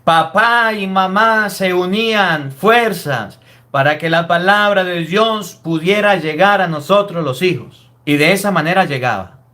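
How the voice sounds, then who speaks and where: High-voiced priest preaching. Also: male voice, unhurried, bright, forceful tone. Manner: emphatic, scolding preaching with rhetorical questions. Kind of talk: sermon.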